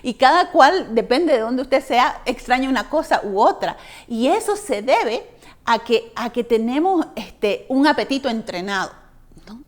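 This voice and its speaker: A woman's voice: fairly high pitch, lively intonation, unhurried. A woman co-teaching a church Bible study in a conversational way, often checking in with rhetorical questions.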